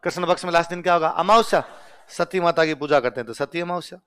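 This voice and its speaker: A man's voice: a little high, fast talker, fairly bright tone, clear, resonant tone. A man teaching a lesson, repeatedly asking questions and answering them himself. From Rajasthan. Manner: quizzes listeners with call-and-response questions. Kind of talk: exam-prep lecture.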